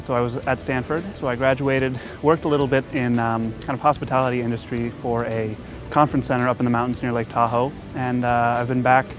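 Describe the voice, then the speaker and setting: A young man from the US East Coast talks through interview answers in an even, flat tone, pausing often to find his words. Soft music plays behind him. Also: mid-range voice. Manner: hesitant, thoughtful, many filler pauses. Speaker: law student.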